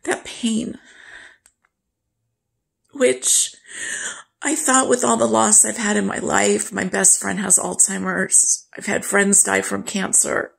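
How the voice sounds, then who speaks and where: Slow, gravelly-voiced grieving woman. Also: mid-range voice, flat delivery, a bit bright. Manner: slow, halting and grief-stricken. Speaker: vlogger. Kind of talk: personal storytelling to camera.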